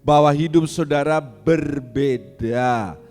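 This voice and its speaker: A man's voice: on the high side, slow, a little mellow, in a large hall. A man preaching a sermon as pastor, asking the congregation questions and acting out angry insults in a raised voice. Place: church hall.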